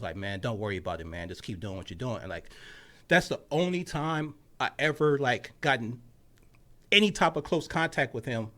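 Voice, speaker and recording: A young man, a sports journalist, tells a story in casual podcast chat, animated and full of fillers, dropping low when he quotes his own thoughts. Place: outdoors on college grounds.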